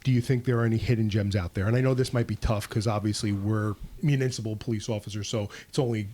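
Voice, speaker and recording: A man's voice: on the low side, fast talker, slight background noise. A man hosting a podcast, a police officer telling funny stories in a casual chat and laughing at himself. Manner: animated, laughs at his own stories.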